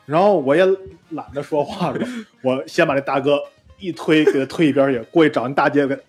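A man co-hosting a casual chat podcast, telling a story with animated mimicry and many restarts. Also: a little high, fairly quick, breathy edge, soft background music. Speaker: podcast co-host.

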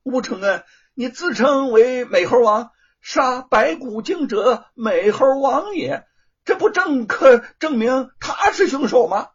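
A man doing a shrill blustering young bully. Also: very animated, unhurried, a bit bright, dull audio, full character voice. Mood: shrill accusing.

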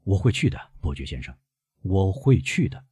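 A man's voice: low voice, sing-song, warm tone, husky, no room sound, studio quality, heavily acted. A man voicing a shaken middle-aged prosecutor who halts and stammers, in an audiobook reading of a classic novel. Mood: strained. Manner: halting, stammering.

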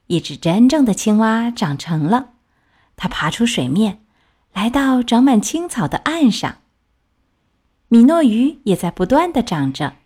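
Slow, expressive woman reading a children's story. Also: mid-range voice, slightly rough. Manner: gentle and expressive.

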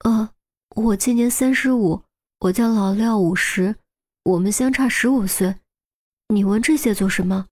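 A woman voicing a grieving, guarded widow in her thirties who speaks softly. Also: medium pitch, a little slow, lightly acted. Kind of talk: audiobook character voice.

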